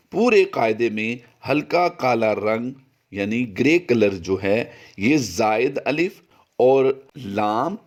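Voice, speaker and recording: A man teaching Quran reading in a recorded tajweed lesson, explaining patiently and chanting each sample word long and high. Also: a little mellow.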